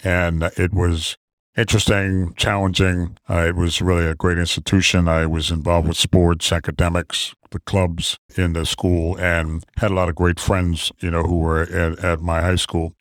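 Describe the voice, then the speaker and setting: A deep-voiced middle-aged man talks about his background in a measured, reflective way. He keeps his tone steady and flat, pausing with fillers. The sound is dry and close. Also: no echo. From New York City, Queens. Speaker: guest, trauma surgeon. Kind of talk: interview conversation.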